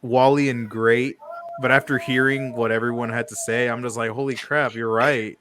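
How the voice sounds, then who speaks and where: A man hosting a casual group chat about films, excitable and quick to laugh. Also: mid-range voice, noisy background. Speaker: host leading the tier list.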